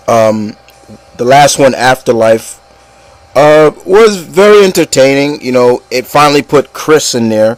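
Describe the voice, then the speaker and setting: On a casual opinion show about movies, the host, a man with a mid-range voice, talks informally and conversationally to his listeners and co-hosts, addressing them as guys. There's no room sound, and the audio is poor.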